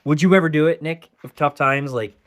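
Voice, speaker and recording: A man's voice: fairly high pitch, a little fast, dry recording. A young man co-hosting a casual podcast, rambling with restarts and casual swearing. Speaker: podcast co-host. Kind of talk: casual chat.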